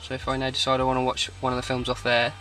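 He races through an informal, spontaneous product walkthrough, a car audio installer presenting around a parked car. The delivery is completely flat at medium pitch, with a bright, forceful tone.

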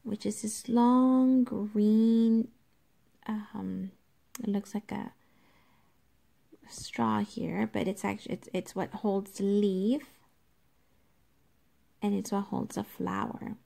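Addressing young children directly, a woman teacher reads and explains a nonfiction book in a careful, instructive manner. She has a dark, creaky, mid-range voice with fairly even intonation.

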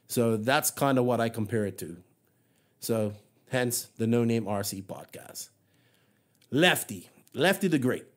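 With a medium pitch and lively intonation, this man talks a little slowly. He hosts a hobby podcast from Bermuda, and his solo talk is relaxed and friendly, meandering, and thick with fillers and restarts.

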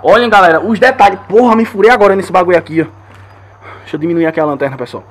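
A young man, out of breath, excitedly narrating a night exploration of a ruined house to his viewers, swearing and calling out as he goes. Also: high voice, very fast. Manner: excited, tense, swears a lot, calls out to viewers. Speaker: paranormal vlogger. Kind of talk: handheld night exploration vlog. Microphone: handheld camera mic.

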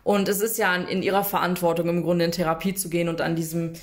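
A woman's voice: on the low side, level tone, quick pace. A woman coaching viewers in a casual, direct-to-camera advice talk, chatty and emphatic, often tagging her sentences with a questioning "ne?". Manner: addresses viewers directly and informally. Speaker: coach for people affected by narcissistic abuse.

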